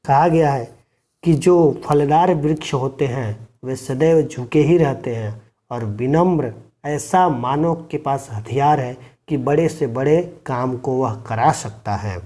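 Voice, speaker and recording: Slow, mellow Hindi teacher explaining a lesson. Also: male voice, mid-range voice. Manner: reads a passage aloud, then explains it line by line, urging students. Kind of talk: classroom lesson explaining a textbook chapter.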